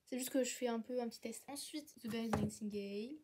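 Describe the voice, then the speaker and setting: A woman's voice: fairly high pitch, fairly quick, background noise. A young woman, chatting casually to viewers while sorting her bookshelves. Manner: chatty, rambling, talks to viewers while working. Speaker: book vlogger. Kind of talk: casual chat while tidying shelves.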